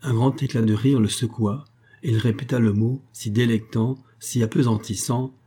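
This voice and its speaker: A man reading a novel aloud as narrator, in a measured, even storytelling delivery. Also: medium pitch, husky. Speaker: audiobook narrator.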